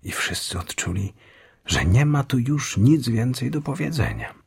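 A man narrating a children's fantasy audiobook in slow, measured storytelling. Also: medium pitch, very animated, creaky, breathy edge. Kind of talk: scripted narration.

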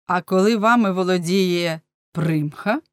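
A woman's voice: fairly low pitch, unhurried, smooth, dry recording, clean studio sound, lightly acted. A woman reading the part of a bold, teasing young man in an audiobook, in a forthright manner.

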